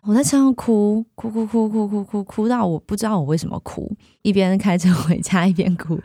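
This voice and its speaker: A woman in her thirties with a Taiwanese Mandarin accent, a guest candidly telling her life story in a lively, animated way. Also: medium pitch, dry recording, studio quality.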